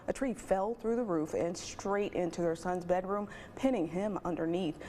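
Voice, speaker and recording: A woman news anchor reading the evening headlines in a crisp, measured newsreader manner. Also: lowish voice, darkish tone, slight background noise.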